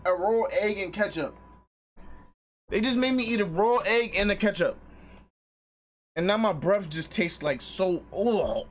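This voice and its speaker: A man streaming live from home, talking loudly and crudely to his chat with lots of swearing. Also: high-pitched, a little hiss or hum. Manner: loud, crude and profane, reacting to chat. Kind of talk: casual live stream talk.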